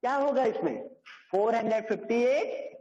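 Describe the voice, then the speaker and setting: A man's voice: extremely high pitch, normal speed, a little mellow. A man with an Indian accent teaching a maths class online, strict and repeating his phrases. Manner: strict, repeats phrases, mixes Hindi and English. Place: classroom or home at a board. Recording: echoey, dull lo-fi online class audio.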